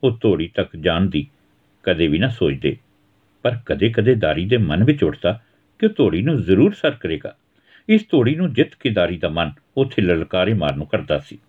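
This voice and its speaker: A man's voice: low voice, sing-song, normal speed, breathy edge. A man reading a village story aloud, narrating and acting out the quarrels between the characters. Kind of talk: storytelling narration with acted dialogue. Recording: tinny phone-like audio.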